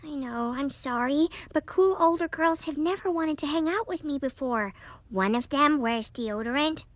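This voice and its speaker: A woman's voice: high voice, normal speed, no echo, close to an everyday voice. A woman voicing an earnest, eager eight-year-old cartoon girl. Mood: apologetic.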